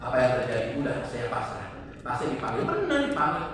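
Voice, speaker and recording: A man giving a workshop on event protocol to an audience, lively and acting out his examples. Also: medium pitch, fast talker, crowd noise. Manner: animated, acts out examples in different voices. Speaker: protocol trainer. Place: large hall. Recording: echoey hall, distant mic.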